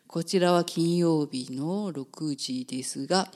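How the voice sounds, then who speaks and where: A woman hosting a live community radio talk show, speaking in a Kansai accent in a slightly low voice. She chats casually and drops quick asides between her questions. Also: a little mellow. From Kyoto, Japan. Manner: chatty, asks questions, quick side remarks.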